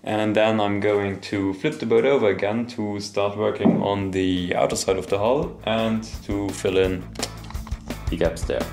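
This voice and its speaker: A young man talks through his boatbuilding work in a casual vlog, scolding himself for his own mistakes. His voice sits low. The action camera catches the hard echo of a garage workshop, with faint music underneath. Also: flat delivery, a little slow, a little mellow. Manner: self-critical, explaining as he works. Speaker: hobby boatbuilder. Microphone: action camera, handheld and set down.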